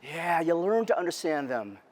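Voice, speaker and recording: High-voiced man giving a jokey keynote. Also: normal speed. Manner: lively, jokey, quizzes the audience. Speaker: keynote speaker. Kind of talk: humorous keynote talk. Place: large lecture hall before an audience. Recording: long reverb of a large hall.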